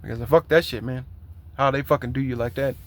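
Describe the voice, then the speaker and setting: A man's voice: medium pitch, steady tone, fairly quick. A man who drives a truck, venting in a loose, rambling vlog rant full of swearing and aggravated complaints. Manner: heavily profane, aggravated complaining; loose, rambling with fillers and repeats.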